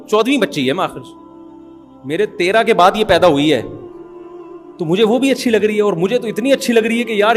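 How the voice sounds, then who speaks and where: High-voiced man telling a funny story. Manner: amused storytelling, chuckling. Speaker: father telling a family story. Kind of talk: humorous anecdotal talk.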